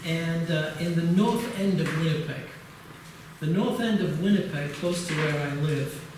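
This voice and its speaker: An older Englishman gives a keynote lecture at an academic conference, his slightly high voice unhurried but hesitant, full of uhs and restarts. The mic is distant in an echoey conference hall, and there's noise in the recording.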